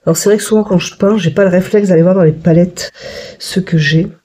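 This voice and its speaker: A woman narrates a watercolour palette test at her desk, thinking aloud and pausing often on fillers. Her voice is warm and mellow, with a breathy, slightly husky edge. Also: fairly low pitch, steady tone. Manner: chatty, hesitant with many fillers, thinking aloud. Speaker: watercolour painter testing a palette. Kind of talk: casual tutorial narration.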